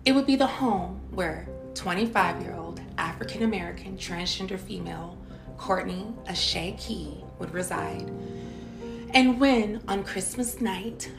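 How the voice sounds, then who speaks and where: A woman hosting a true crime podcast, narrating from a script in a deliberate, solemn manner. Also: medium pitch, vocal fry. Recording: echoey room, music bed.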